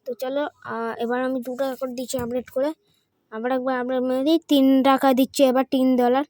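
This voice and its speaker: This gaming channel host is an excitable woman delivering excited gameplay commentary, fast and high-voiced. She mixes in Hindi phrases and counts numbers aloud. There's no room sound.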